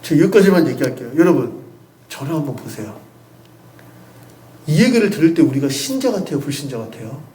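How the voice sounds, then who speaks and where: A man's voice: on the high side, very animated, a little fast, pauses often, warm tone. A man preaching a sermon to a young adult congregation, earnest and acting out the voices of the people he quotes. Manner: earnest, acts out quoted voices with rising emphasis. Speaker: youth pastor. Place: church sanctuary. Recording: echoey church room.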